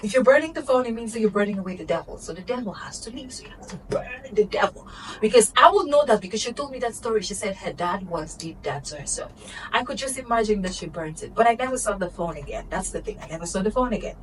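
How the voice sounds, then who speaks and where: Animated young woman telling a storytime. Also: mid-range voice, fast talker, recorded from a distance, a little hiss or hum, rough recording. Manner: animated, laughing, swings between whispers and exclamations. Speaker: vlogger. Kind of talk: casual storytime.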